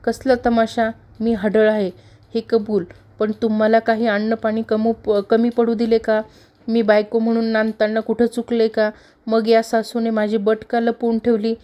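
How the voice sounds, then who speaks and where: A woman's voice: fairly high pitch, completely flat delivery, normal speed, lo-fi sound, lightly acted. A woman reading as a wronged ghost wife. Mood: aggrieved. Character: young ghost woman posing as loyal wife.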